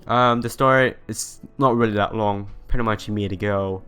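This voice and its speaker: This young man's voice sits lowish, with a steady tone, normal speed, and a clean, slightly bright quality. He's a let's player going through a visual novel for viewers, reading lines and reacting earnestly and informally while game music plays.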